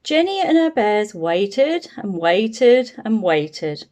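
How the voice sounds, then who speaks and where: This medium-pitched woman reads aloud from a children's picture book, taking a deliberate, expressive storytelling approach.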